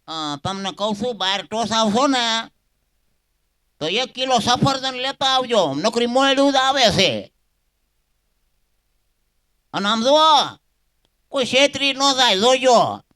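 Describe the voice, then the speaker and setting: A man's voice: very high voice, sing-song, slow pace, pauses often, sharp tone, clear, resonant tone, voice pushed up, heavily acted, low-quality recording. A man voicing a fussy young wife who nags her husband with errands. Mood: nagging. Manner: nagging, instructing.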